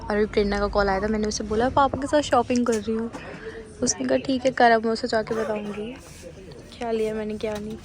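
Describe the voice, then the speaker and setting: A woman chatting casually in a vlog, lively and teasing back. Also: on the high side, brisk, crowd noise.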